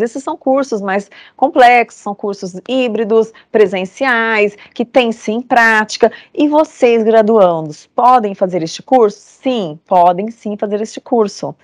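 Over a video call, a Brazilian lecturer in her forties delivers an earnest, emphatic motivational talk to students, repeating phrases to drive her conviction home. Her voice sits at a medium pitch, and the recording is dry.

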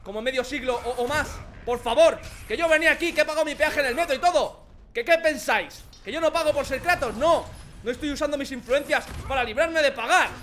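Excitable young Spanish gamer, very high voice. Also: male voice, fairly quick, a little hiss or hum. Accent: Spain Spanish. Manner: excitable, jokey, shouts at enemies. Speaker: gaming commentator. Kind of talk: let's play commentary.

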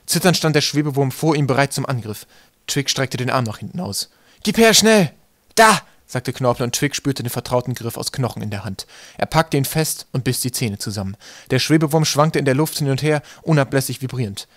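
A man reading an audiobook in calm, steady narration. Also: mid-range voice, brisk, no echo, studio quality. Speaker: audiobook reader. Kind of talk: scripted narration.

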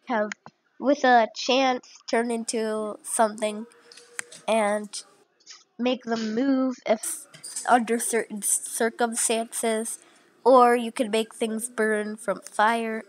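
Her voice runs on the high side, and the recording is rough. Feeling ill and sounding slightly off, the young channel host walks through her screen recording in a loose, filler-heavy chat.

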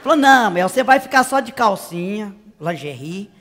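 Man doing a squeaky high country woman, comic storyteller, long reverb. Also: very animated, moderate pace, fairly bright tone. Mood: gossipy. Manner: chatty, exaggerated, squealing cries. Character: brash naive country woman from the interior. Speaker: comedian. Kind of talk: comic monologue in character.

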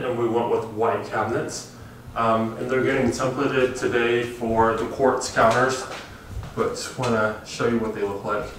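An upbeat young man chats his way through a house renovation in a casual vlog, scattering fillers as he goes. He is recorded on a handheld camera at arm's length, with his voice bouncing around bare, echoey rooms. A clear hum of background noise runs under everything. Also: mid-range voice, fairly bright tone. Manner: upbeat, chatty, with frequent fillers. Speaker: home renovation vlogger. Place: house under renovation and its yard, indoors and outdoors. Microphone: handheld camera held at arm's length.

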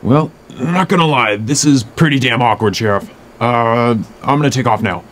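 An actor playing a cranky, gruff 510-year-old little man who curses freely in a film scene with the sheriff. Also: mid-range voice, normal speed, fairly bright tone, close to an everyday voice. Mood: awkward, touchy. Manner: gruff, touchy and cursing. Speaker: townsperson talking to the sheriff. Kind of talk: film dialogue.

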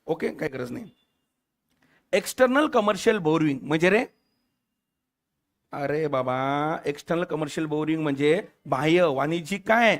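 A man's voice: fairly high pitch, expressive, normal speed, pauses often. A male teacher giving a lecture for competitive exams, firing questions at his students and mixing English terms into his talk.

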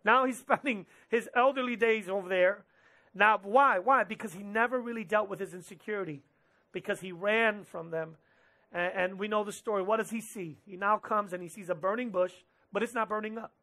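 A man in his thirties preaching on a church stage, speaking through a headset mic. His voice sits very high and sounds bright and forceful. He preaches with animated gestures and quick quoted asides. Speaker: pastor. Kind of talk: sermon. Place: church stage with drum kit behind, indoors.

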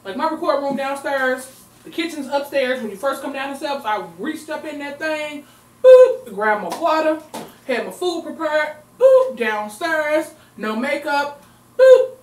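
A woman's voice: high-pitched, moderate pace, slight background noise. A young woman chatting expressively as she eats on camera in her home recording room, mixing talk with murmured eating sounds. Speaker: mukbang vlogger. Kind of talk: casual eating vlog chat. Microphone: camera mic at a distance. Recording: echoey room, heard from far off.

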